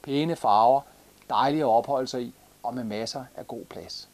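A man in his forties with a Jutlandic Danish accent, casually showing a caravan from inside, with many fillers and restarts. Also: medium pitch. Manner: relaxed, many fillers and repeats. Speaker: caravan reviewer. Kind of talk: casual product walkthrough.

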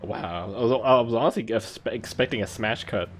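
A man's voice: mid-range voice, moderate pace, a little hiss or hum. A man giving casual, amused, rambling commentary as he streams a game.

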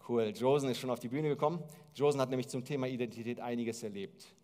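Gesturing pastor preaching in a hall. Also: male voice, mid-range voice, fast talker. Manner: lively, gesturing storyteller. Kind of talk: sermon. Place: church stage hall. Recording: long hall reverb.

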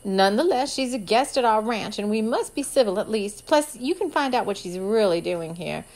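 A woman's voice: medium pitch, expressive, normal speed, darkish tone, natural voice. A woman doing a stern wealthy mother. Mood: scolding. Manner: scolding, firm. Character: stern wealthy middle-aged mother, controlling.

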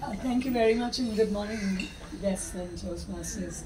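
A woman's voice: mid-range voice, moderate pace. A middle-aged woman giving an articulate, gracious self-introduction at a club meeting in an open-air pavilion, recorded by a far camera. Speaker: visiting club member. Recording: distant with background noise.

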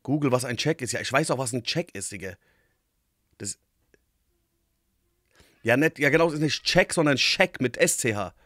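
A man's voice: mid-range voice, animated, normal speed, pauses often, fairly bright tone, no room sound, studio quality. Slangy man picking apart rap lyrics. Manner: thinks aloud, picks apart lyrics and rhymes; swears casually, slangy. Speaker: host reacting to a rap song. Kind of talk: casual reaction commentary.

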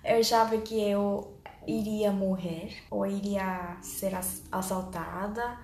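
A young woman with a Korean accent chats to camera like a casual storyteller. She speaks slowly, in simple, careful second-language phrasing. The room gives her voice a clear echo, with faint noise behind it. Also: mid-range voice, fairly even intonation, darkish tone. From South Korea. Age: young adult. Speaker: vlogger. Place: small bare indoor room.

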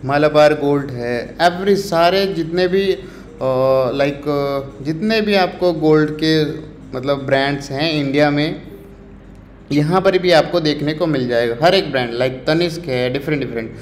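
Fairly high-pitched and a little slow, this male travel vlogger from India chats casually while walking a busy outdoor night market, using lots of fillers and sprinkling English into his Hindi. A little hiss or hum sits in the recording, along with the echo and faint ambience of the street.

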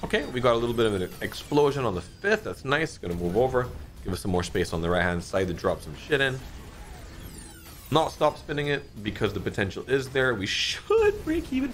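A man in his thirties giving casual, excitable commentary while playing an online slot game, often swearing and jumping up in pitch at big moments. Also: slight background noise. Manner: excitable, swears a lot, frequent pitch jumps. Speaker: slot streamer. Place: dim home streaming room, indoors.

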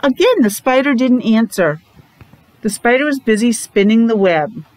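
In an indoor classroom, a middle-aged or older woman teacher of preschool or elementary kids reads a story aloud, her voice slightly muffled by a face mask. It's fairly high and darkish in tone, with lively intonation at normal speed and no echo. She adds chatty explanatory asides and asks the children questions.

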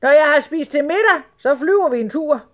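A woman voicing a huge, greedy male sultan who shouts his threats. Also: high voice, lively intonation, phone-quality sound, pitched above the performer's own voice. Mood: bellowing.

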